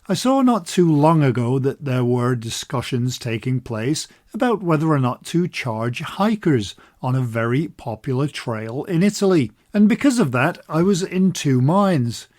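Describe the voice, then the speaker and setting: A man's voice: a little high, a little mellow. A man hosting a walking podcast, reading a news roundup with dry humour and then introducing his guest. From Scotland. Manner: upbeat, conversational, dry humour. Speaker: podcast host.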